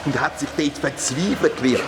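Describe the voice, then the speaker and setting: In a Swiss German children's audio drama, a man plays a grateful fantasy-world ruler freed from a spell, recounting the tale emphatically and theatrically. His natural voice sits on the high side at normal speed, with long reverb and music behind.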